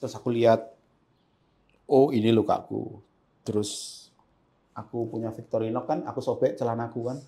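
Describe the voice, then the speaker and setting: A man's voice: mid-range voice, fairly even intonation, moderate pace, gravelly, long pauses, dark tone. A man recounting his experiences as a photojournalist in a podcast interview, acting out his own words as he tells it. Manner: vivid storyteller, acts out his own past words. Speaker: photojournalist guest. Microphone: podcast microphone. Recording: roomy echo.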